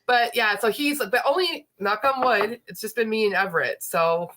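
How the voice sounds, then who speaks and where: A woman's voice: a little high, moderate pace, a bit bright. A woman in her late thirties hosting a casual livestream chat, sounding stuffy and congested from a lingering illness, rambling with lots of fillers. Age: 30s. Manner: chatty, rambling, with frequent fillers. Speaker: host.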